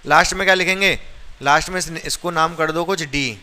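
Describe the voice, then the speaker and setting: A man's voice: fairly high pitch, a little fast, pushed and bright. A man teaching a maths lesson in a classroom, who keeps asking his students questions and then answers them himself.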